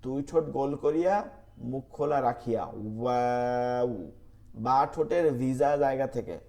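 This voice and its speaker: A man teaching an online Quran class, patiently repeating letter sounds slowly for students to copy. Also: medium pitch, steady tone, warm tone.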